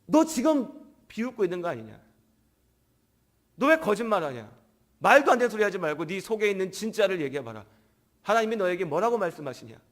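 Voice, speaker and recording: A man's voice: medium pitch, normal speed, pitched below the performer's own voice, lightly acted. A man preaching who voices a suspicious, angry king scolding a prophet. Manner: scolding, taunting.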